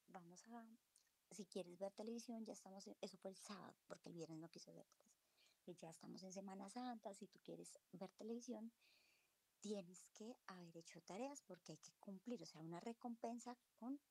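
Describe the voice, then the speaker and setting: A woman's voice: medium pitch, fairly quick, dark tone. A woman in her late thirties telling a personal story on a video call, emotional and confessional, often dropping to a whisper. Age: 30s. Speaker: book club participant. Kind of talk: personal testimony in a group call.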